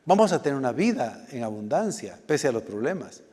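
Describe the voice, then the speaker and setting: A man's voice: medium pitch, big pitch swings, a little fast, slightly rough. A man preaching a sermon as pastor, speaking spontaneously with restarts and sudden bursts of emphasis. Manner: spontaneous, with repeated restarts and emphatic swings in loudness. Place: church sanctuary. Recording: church hall with long reverb.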